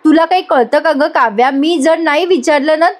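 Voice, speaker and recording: A woman's voice: high-pitched, moderate pace, pitched above the performer's own voice, natural voice. A woman reading the quoted lines of a cheeky, spoiled youngest sister, in a pert and sulky manner.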